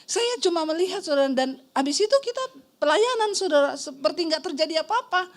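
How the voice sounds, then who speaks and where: Woman, pastor, middle-aged, high-pitched, church sermon, humorous storytelling. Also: brisk. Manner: storytelling with humor, quoting others in lively voices. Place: church service with congregation.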